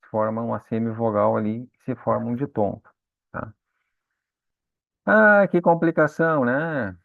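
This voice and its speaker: A man with a low, gravelly voice explains grammar slowly and patiently, like a teacher at the board. He keeps checking that his students follow along. The sound is dry and thin, as if heard over a phone line. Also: dry recording. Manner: patient, frequent "né?" and "tá?" check-ins. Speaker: Portuguese teacher. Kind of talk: explanatory lesson.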